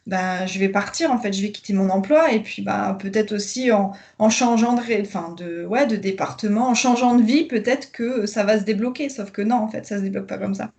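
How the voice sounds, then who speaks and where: Talking over a video call, this coaching client, a woman in her thirties from northern France, describes her personal journey in a conversational interview, hesitating often and using many fillers. Her medium-pitched voice is a little mellow, and she speaks a bit fast with few pauses.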